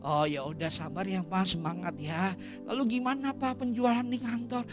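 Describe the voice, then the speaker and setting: A man's voice: high-pitched, fairly even intonation, normal speed, over music, natural voice. A nagging, chatty wife, as a male preacher puts her on fires off sing-song questions at her husband, half sweet and half prying. The voice stays close to his own preaching voice, a sermon anecdote in the middle of a church service.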